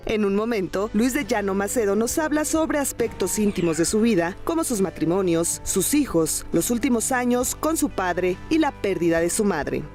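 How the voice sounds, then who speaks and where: A woman hosting an interview, asking questions and reading a measured voice-over. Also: medium pitch, expressive, darkish tone, soft background music. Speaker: interviewer and host.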